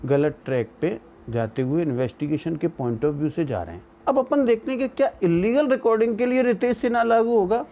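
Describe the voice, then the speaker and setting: With a high, warm voice, this man moves briskly and rarely pauses as he explains a legal matter. Acting as a legal educator sharing his view, he argues via rhetorical questions and mixes English legal terminology into his speech.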